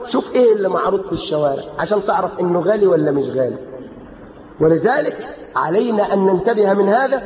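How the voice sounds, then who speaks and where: Fiery Egyptian preacher in an echoing hall. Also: male voice, high-pitched. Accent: Egyptian Arabic. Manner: fiery, rising to shouts, mocking quoted excuses. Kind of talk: Friday sermon. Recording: echoey hall, muffled lo-fi tape.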